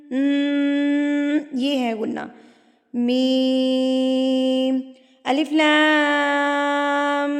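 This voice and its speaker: A woman teaching a Quran recitation lesson, explaining rules patiently and chanting words in long drawn-out tones. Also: sits high, vocal fry, darkish tone. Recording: long hall reverb.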